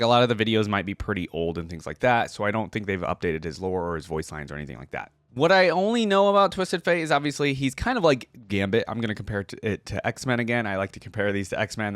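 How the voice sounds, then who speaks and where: The host of a reaction channel, a man with a lowish, slightly bright voice, shifts between reading text aloud and offering casual, conversational commentary. The recording has no echo.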